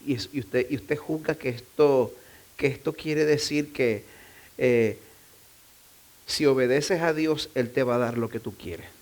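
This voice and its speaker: A pastor delivering a sermon in church, with a man's voice at an ordinary middle pitch. He talks to the congregation in a relaxed, conversational way, stumbling and restarting phrases and slipping in light self-deprecating asides.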